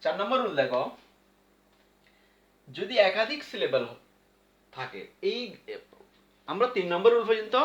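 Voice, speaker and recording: A man's voice: a little high, a bit bright. A male English teacher with a Bangladeshi Bengali accent, giving a classroom grammar lesson at a board and patiently repeating the rules. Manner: repeats rules patiently, asks and answers his own questions. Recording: echoey room, dull lo-fi sound.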